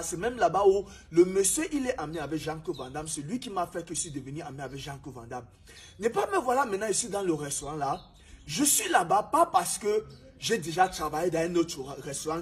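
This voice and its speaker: A man's voice: fairly high pitch, slightly rough. A young man from Cameroon with a Cameroonian French accent, telling his life story as a preachy, emphatic motivational talk. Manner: preachy, emphatic, repeats himself. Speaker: restaurant manager.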